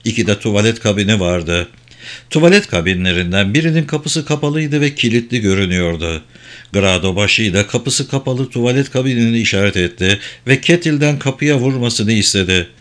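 A man reading a crime novel aloud as a steady, even audiobook narrator. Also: lowish voice, brisk. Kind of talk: scripted narration.

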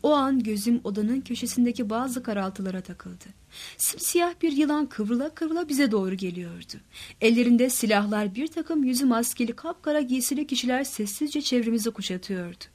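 A woman reads literary fiction aloud in a soft, hushed manner. Her voice sits a little on the high side and sometimes sinks close to a whisper. It is a calm, steady audiobook narration. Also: moderate pace.

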